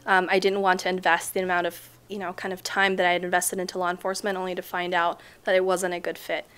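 A woman's voice: lowish voice, completely flat delivery, quick pace, fairly bright tone, clear, resonant tone. A woman in her twenties, originally from Chile, who is a teacher answering interview questions in a school library, speaking thoughtfully with frequent ums. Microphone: off-camera mic, seated interview framing.

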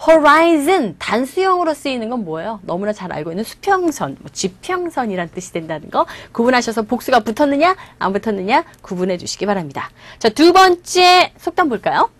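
A woman's voice: on the high side, sing-song, fairly quick, hardly any pauses, fairly bright tone, dry recording. A woman from South Korea, teaching an English lecture and drilling pronunciation by repeating model words and quizzing her students. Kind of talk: online lecture.

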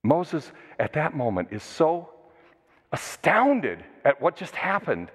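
A male pastor preaching a sermon and retelling a Bible story in a conversational, animated way. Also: fairly high pitch, slow, husky. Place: church sanctuary. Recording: dull recording with long church reverb.

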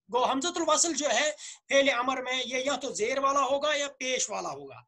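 A man with a Kashmiri accent and slightly hoarse throat, teaching a grammar lesson, asking questions and answering them himself while repeating words slowly. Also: extremely high pitch, sharp tone. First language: Urdu. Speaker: Arabic teacher.

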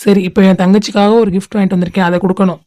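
A woman's voice: medium pitch, flat delivery, very fast, natural voice. A woman voicing an affectionate, protective older brother who teases and bosses his little sister. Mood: teasing. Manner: warm, teasing, bossy.

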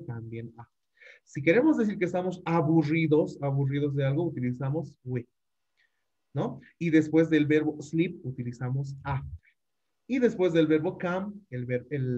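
A man's voice: fairly high pitch, warm tone, highs cut off. A man teaching an English grammar lesson, repeating his points and often checking that the students understand. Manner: repetitive, checks understanding with frequent tag questions. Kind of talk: classroom lesson explaining grammar.

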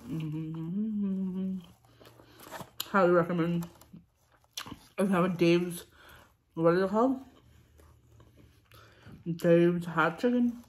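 A woman's voice: fairly low pitch, slow, pauses often. Chatty young woman eating on camera. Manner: chatty and rambling, with many ums and restarts; talks between bites, chewing and sipping. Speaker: vlogger. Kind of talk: casual mukbang chat while eating.

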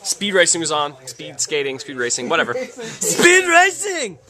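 This young man's voice sits high with huge pitch swings, a sharp tone, and a moderate pace. He's a vlogger giving a jokey, enthusiastic handheld tour of a house basement and a snowy street at night, filming at arm's length.

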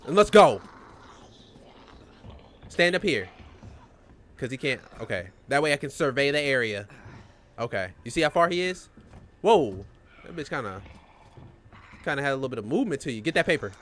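Excitable young man yelling at a game. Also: medium pitch, a little fast, pauses often, a little hiss or hum. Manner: excitable, profane, talks to the game characters. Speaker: gamer playing a horror game. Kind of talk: let's-play commentary.

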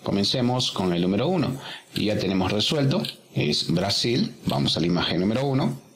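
A man's voice: on the low side, big pitch swings, brisk. A man teaching English, working through a workbook exercise step by step and patiently repeating each answer.

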